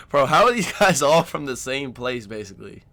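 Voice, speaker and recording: A man's voice: mid-range voice, sing-song, normal speed, bright, forceful tone, dry recording. A man from the United States hosting a reaction video, talking loosely with lots of fillers. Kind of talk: casual reaction commentary.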